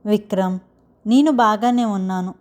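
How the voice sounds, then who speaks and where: A woman reading the lines of a calm, confident young wife in a story, gently reassuring. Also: medium pitch, moderate pace, natural voice.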